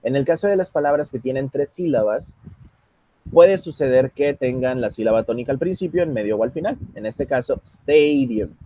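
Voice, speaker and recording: A man's voice: medium pitch, dark tone, slightly rough. Patient man teaching English. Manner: explains patiently, switches between Spanish and English. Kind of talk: online class instruction.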